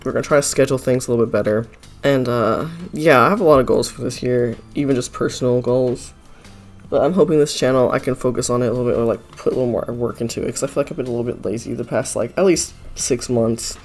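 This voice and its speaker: Speaking fast at a medium pitch, the art channel creator delivers a casual voice-over, gravelly and hoarse from recent illness, his nose slightly blocked. He rambles, sprinkling in "like" and "uh" and apologizing, over faint background music.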